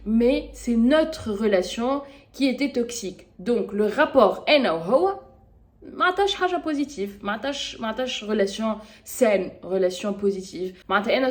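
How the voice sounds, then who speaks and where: A Tunisian woman with a Tunisian accent, chatting casually and spontaneously in a podcast vlog, hesitating often and mixing French with Tunisian Arabic. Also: fairly high pitch. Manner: switches freely between French and Tunisian Arabic. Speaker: podcast vlogger. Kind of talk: casual chat.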